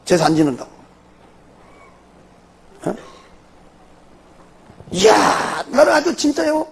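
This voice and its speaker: A middle-aged man with a Jeolla Korean accent, a pastor giving a testimony sermon as animated storytelling full of rhetorical questions. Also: sits high, takes it slowly, gravelly, husky.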